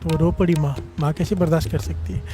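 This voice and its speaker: A man delivers a devotional sermon in a high voice, weaving a story between refrains the congregation answers. Soft music plays faintly underneath. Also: little pitch movement, fast talker. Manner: calls out refrains for congregation response. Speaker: preacher.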